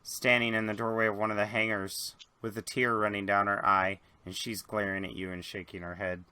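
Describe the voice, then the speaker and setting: Bright-voiced game master. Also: male voice, fairly low pitch, brisk, clean tone, no echo. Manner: animated, casual narration. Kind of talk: narrating a tabletop game.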